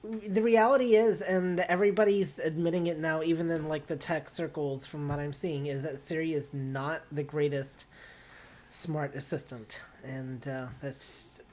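A woman's voice: sits low, steady tone, a little slow, a little mellow. A woman gives her opinion in a casual group discussion, talking in a candid, rambling way. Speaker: participant giving opinions.

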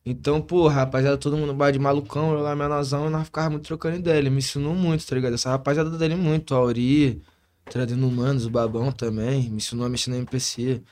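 A man's voice: mid-range voice, steady tone, rapid-fire, darkish tone. A man with a Rio de Janeiro accent chatting casually as an interview guest in street slang peppered with tag phrases. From Rio de Janeiro, Brazil. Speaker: interview guest, hip hop musician.

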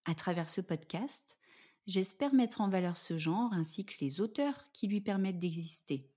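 Soft mellow woman hosting a podcast. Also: mid-range voice, expressive, normal speed, slightly rough. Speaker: podcast host. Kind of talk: scripted podcast narration.

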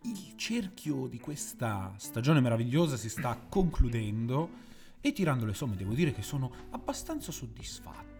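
A man's voice: mid-range voice, big pitch swings, moderate pace, a little mellow, soft background music. A man co-hosting a casual chat, speaking in an upbeat, reflective way. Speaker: podcast co-host.

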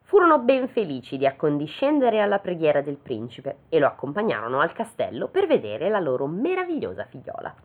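A woman's voice: low voice, huge pitch swings. A woman reading a fairy tale aloud, breaking off to make joking comments. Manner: reads slowly, then breaks off into joking comments. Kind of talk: casual read-aloud with chatty asides. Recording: tinny phone-like sound.

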